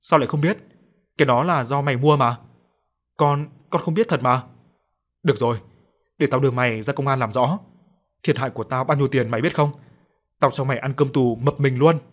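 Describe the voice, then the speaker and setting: A man's voice: medium pitch, quick pace, close to an everyday voice. A man playing a stern, scolding factory boss. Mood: angry. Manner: scolding, blunt. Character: stern middle-aged male factory owner, quick to anger.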